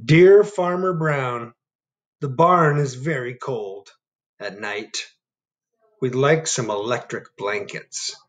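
A man's voice: medium pitch, takes it slowly, close to an everyday voice. Man reading out prim notes from typing cows. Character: polite demanding cows writing notes.

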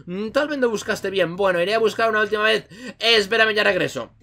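Deadpan game robot, a gamer reading it out, slow, a bit lower, flat delivery, bright tone. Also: male voice, vocal fry, full character voice.

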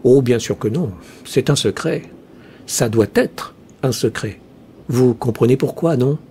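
A man voicing a cheerfully cunning male heretic priest, speaking slowly in a smooth, almost chanting way. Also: mid-range voice, dark tone, slight background noise, close to an everyday voice. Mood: sly. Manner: slow, smooth, chanting delivery.

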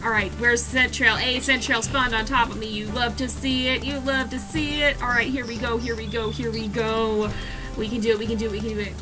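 A young woman streaming a speedrun, giving quick, excitable play-by-play commentary and repeating phrases as she goes. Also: fairly high pitch. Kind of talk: live gameplay commentary. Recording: game music in the background.

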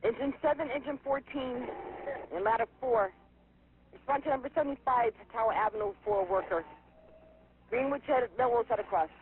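Over two-way radio, a fire dispatcher with a very high-pitched male voice gives clipped, procedural announcements at normal speed and repeats messages back. The audio is dull, lo-fi radio scanner sound with faint noise.

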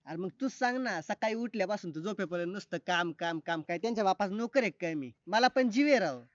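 Man, quick high voice, talks back, comedy sketch, dull dry recording. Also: expressive, no echo. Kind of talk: rural comedy sketch acting.

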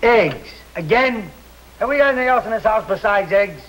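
A man's voice: sits high, expressive, moderate pace, fairly bright tone. An actor playing a grumpy, put-upon father in a 1950s television sitcom, complaining in exasperated, piled-up lists. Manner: exasperated, complaining, building lists for comic effect. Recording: noisy 1950s TV soundtrack.

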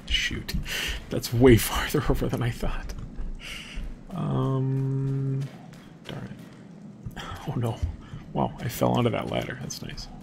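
A young man commentating a game casually, thinking aloud and dropping to hushed tones when nervous. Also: mid-range voice, fairly even intonation, takes it slowly, gravelly, long pauses, noisy background. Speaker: gameplay commentator. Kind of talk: casual let's-play commentary.

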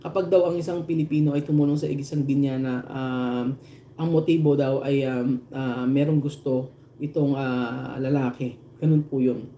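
A man's voice: mid-range voice, normal speed, a little hiss or hum. Filipino man telling a story in an echoey room. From Philippines. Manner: animated retelling, quoting others in raised voices, frequent laughs and restarts. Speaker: vlogger. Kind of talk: casual storytelling to viewers.

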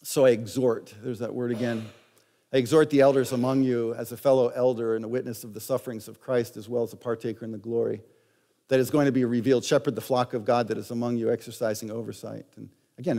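A man's voice: medium pitch, steady tone, quick pace, dark tone. Male pastor preaching in a reverberant hall. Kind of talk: sermon. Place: church sanctuary.

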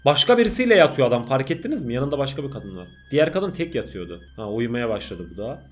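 A YouTuber casually reacts to a video he's watching, jumpy and exclaiming at the screen. He talks fast in a mid-range voice with big pitch swings, with faint music in the background.

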